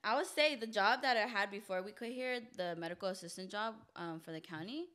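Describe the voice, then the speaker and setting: A young woman chatting as a podcast guest, swearing freely and laughing often as she tells animated stories. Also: mid-range voice, a little fast. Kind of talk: casual podcast chat.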